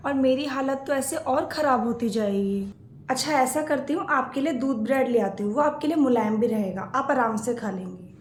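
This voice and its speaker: High pitched woman doing both sides of a saas bahu skit, roomy echo. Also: moderate pace, a little hiss or hum. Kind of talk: scripted family skit acting.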